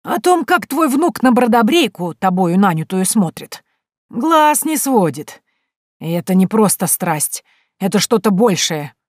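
A woman reading an audiobook voices a sharp-tongued, domineering old mother-in-law who scolds slowly and cuttingly. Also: medium pitch, very animated, dry recording, studio quality, pitched above the performer's own voice. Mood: scolding.

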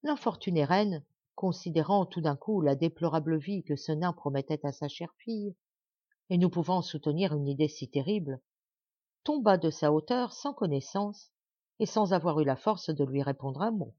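A woman narrating a fairy tale as an audiobook reader, in an expressive, animated way. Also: deep voice, normal speed, no room sound, muffled recording. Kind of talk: scripted storybook narration.

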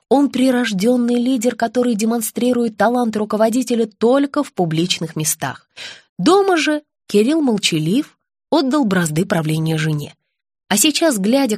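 A woman reads a first-person detective story in a wry, brisk way. Her voice sits a little high and has a husky edge. The recording is dry and close. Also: a little mellow, no echo. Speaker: audiobook narrator.

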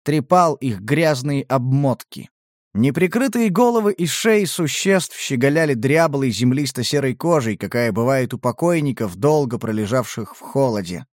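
A man narrates a first-person audiobook in a tense, dramatic way, at a middle pitch. The recording is close and dry, with no room sound. It is a plain studio reading. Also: animated, normal speed, no echo.

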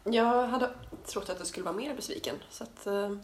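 A woman's voice: mid-range voice, slight background noise. A Swedish woman co-hosting a casual chat podcast, thoughtful and easygoing. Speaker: podcast co-host. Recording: roomy room, rain on window.

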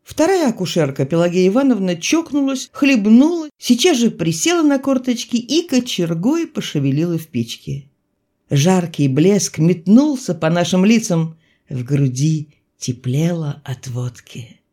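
A woman reading a literary audiobook in an expressive narration style. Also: lowish voice, measured pace. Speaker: audiobook reader.

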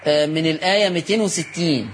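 Egyptian guy teaching on air, pretty high voice, keeps asking questions then answering them himself. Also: a little hiss or hum. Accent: Egyptian Arabic. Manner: reads notes slowly and stresses key words. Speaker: Quran recitation teacher and TV host. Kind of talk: broadcast lesson with callers.

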